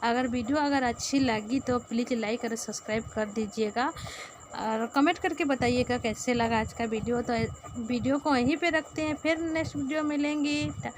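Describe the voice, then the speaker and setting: A woman with a Sambalpuri Odia accent, a native Odia speaker narrating a casual vlog in halting Hindi, searching for words. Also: a little high, a little hiss or hum. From Sambalpur, Odisha. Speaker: vlogger.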